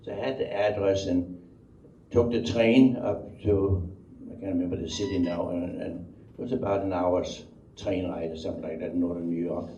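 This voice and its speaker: An older Danish man with a deep, steady, warm voice tells his life story in unscripted oral-history style. He speaks haltingly and rambles, repeating words. The recording sounds dull and roomy, with a distant mic and faint noise.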